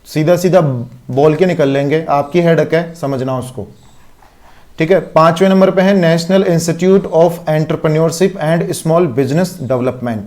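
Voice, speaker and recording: A man's voice: fairly high pitch, a little mellow. A man with an Indian accent teaching an online exam-prep lecture, explaining step by step and checking in with constant rhetorical questions.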